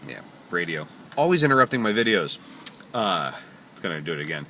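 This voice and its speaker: A taxi driver tells stories from his parked cab, chatty and jokey, full of fillers and asides. His bright, forward voice swoops up and down lively as he rambles. A faint hum runs behind him. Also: low voice, brisk. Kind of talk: casual storytelling vlog. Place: parked taxi in a parking lot.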